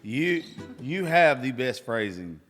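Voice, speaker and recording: A man's voice: mid-range voice, very animated, slow pace, a bit bright, faint music behind. A hungover man in his thirties hosting a casual podcast chat, rambling, gushing and swearing freely. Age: 30s. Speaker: podcast host. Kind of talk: casual chat, profanity-laden. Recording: reverberant room.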